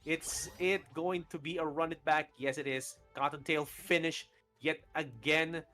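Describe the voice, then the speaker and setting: Guy casting a game tourney live, lotsa um and uh, hyped, soft music under it. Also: fairly high pitch, unhurried. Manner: energetic, laughs often, many fillers. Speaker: esports caster. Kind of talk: live esports casting and trivia hosting.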